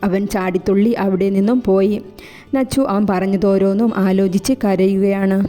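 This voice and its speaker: A woman narrating a romance audio novel in a steady storytelling way. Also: medium pitch, normal speed. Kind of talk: scripted narration. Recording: echoey room with faint music.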